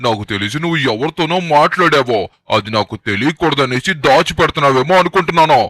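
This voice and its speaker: A man's voice: fairly high pitch, fast, fairly bright tone, no echo, voice pushed down, natural voice. A man voicing a nosy, suspicious dog who fancies himself a detective, talking in a nagging, bossy way. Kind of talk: gameplay story voice-over.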